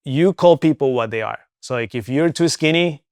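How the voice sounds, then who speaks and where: A man's voice: mid-range voice, moderate pace, clear, resonant tone, dry recording, studio quality. A young man from Venezuela with no accent, talking candidly as an interview guest, chatty and full of fillers. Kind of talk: casual interview talk.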